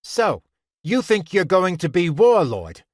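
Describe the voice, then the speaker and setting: A man's voice: fairly high pitch, sing-song, measured pace, a bit bright, no echo, studio quality, pitched above the performer's own voice. A man reading aloud and voicing a teenage gang boy who challenges a rival in a crime story. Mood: challenging. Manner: demanding, challenging.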